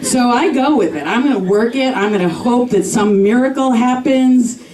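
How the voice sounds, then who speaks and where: A woman's voice: fairly high pitch, moderate pace, a little mellow. A woman in her fifties from Chicago doing a candid, self-mocking stand-up set on a club stage, swearing freely. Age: 50s. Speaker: stand-up comedian. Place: comedy club stage, audience laughing. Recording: distant echoey club recording with crowd noise.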